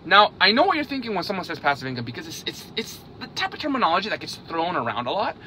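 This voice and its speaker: A man in his thirties talks straight to camera in a casual vlog, his fairly high voice bright and pushing forward. His pitch jumps around a lot, and he tacks an "okay?" onto nearly every point. A faint vehicle hum sits low in the background. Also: quick pace. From South Korea, raised in Hungary. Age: 30s. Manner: animated, checks in with "okay?" after most points. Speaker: vlogger on investing. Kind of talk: casual direct-to-camera talk.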